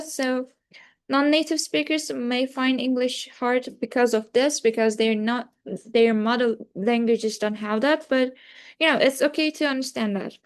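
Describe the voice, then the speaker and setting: Young woman, high-pitched, student presentation, hesitant with fillers. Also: smooth. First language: Turkish. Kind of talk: class presentation.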